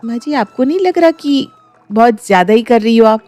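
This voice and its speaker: A woman's voice: on the high side, expressive, normal speed, mellow, faint music behind, lightly acted. A woman voicing a suspicious, sarcastic young bride in a cartoon story. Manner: sarcastic, argumentative.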